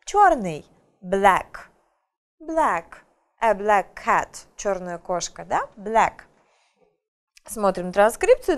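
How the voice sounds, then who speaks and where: A woman with a high, bright voice gives a children's English lesson at an unhurried pace. She is patient and often checks that the children are following. She stretches out her words so they can copy the pronunciation. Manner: patient, frequently asks "да?" to check understanding; drawn-out, carefully modelled pronunciation. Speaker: English teacher.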